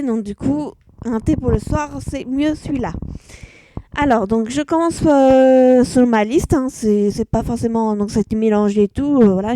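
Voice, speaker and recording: Hesitant woman vlogger, mellow voice. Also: fairly high pitch, dry recording. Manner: hesitant, many fillers and restarts. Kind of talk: casual product review vlog.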